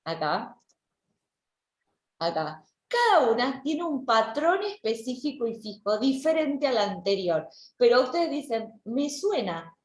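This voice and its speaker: A woman language teacher lectures an online class, explaining step by step with frequent restarts and repeated words. Her voice is fairly high and sing-song, a little slow, and the sound is reverberant.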